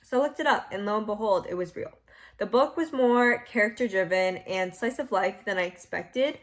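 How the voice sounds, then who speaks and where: A woman's voice: medium pitch, normal speed. A young woman hosting a casual book review vlog from her bed at home, chatty and laughing at her own slips. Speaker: book vlogger.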